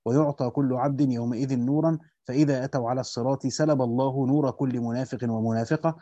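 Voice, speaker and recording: Fast-reading Egyptian man explaining scripture. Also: mid-range voice, steady tone, warm tone, dry recording, muffled recording. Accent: Egyptian Arabic. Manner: rapid reading with colloquial asides. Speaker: Islamic studies teacher. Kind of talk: reading and explaining a Quran commentary.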